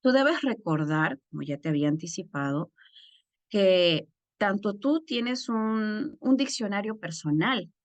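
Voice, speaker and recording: A woman's voice: mid-range voice, animated, measured pace, no echo. A woman giving an online course lecture, explaining step by step and often checking in with her listeners. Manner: acts out example phrases in changed voices.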